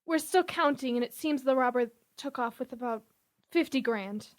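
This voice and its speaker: In an amateur parody of a 1930s-style radio drama, a woman with a high, natural voice plays an earnest, talkative bank manager who gets flustered easily. She speaks at a moderate pace.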